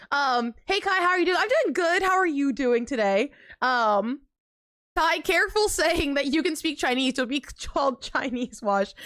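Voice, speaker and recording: A young woman with a bright, high voice and a slight Texan accent talks straight to her livestream chat in a worked-up, animated rant. She sounds dry and close, with no room echo. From United States.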